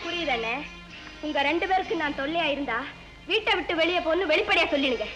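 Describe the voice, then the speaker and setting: A woman's voice: very high-pitched, expressive, quick pace, music in the background, low-quality recording. An actress playing a touchy, possessive young unmarried woman who answers her family with bitter, self-pitying reproach in a 1970s film drama. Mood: hurt, bitter. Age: young adult.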